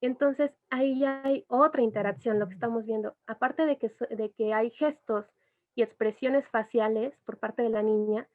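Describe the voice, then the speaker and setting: A woman, an educational psychologist, giving a patient explanatory talk full of little asides. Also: a little high. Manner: patient, explains with asides and imitated baby sounds. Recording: tinny phone-like audio.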